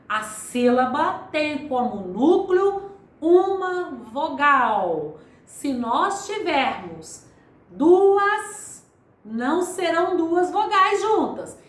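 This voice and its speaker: High, lively-voiced woman teaching grammar slowly. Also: reverberant. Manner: didactic, repeats and spells out syllables slowly. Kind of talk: video grammar lesson.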